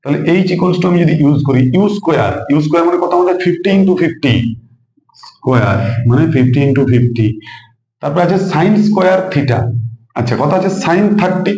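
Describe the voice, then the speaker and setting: A man's voice: a little high, animated, moderate pace, a little mellow, echoey room, poor audio. A man teaching physics at a whiteboard, explaining step by step, repeating numbers and asking his students questions. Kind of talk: whiteboard lesson. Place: room with a student nearby.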